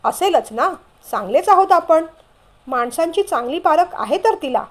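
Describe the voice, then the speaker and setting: A woman's voice: extremely high pitch, animated, normal speed, voice pushed up. A woman reading a curious, bashful groom-to-be.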